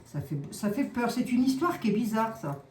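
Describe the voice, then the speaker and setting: A woman's voice: fairly high pitch, very animated, moderate pace. A woman giving a casual psychic card reading, musing aloud, hesitating and repeating herself as she goes. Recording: echoey room with faint ambient noise.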